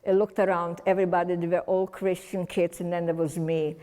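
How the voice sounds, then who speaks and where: Speaking to a community gathering at a remembrance event, an elderly Romanian woman in her eighties, German by first language, recounts surviving the Holocaust. She wanders casually through her story with restarts and wry asides. Her lowish, mellow voice is flat and brisk, carrying a long hall reverb.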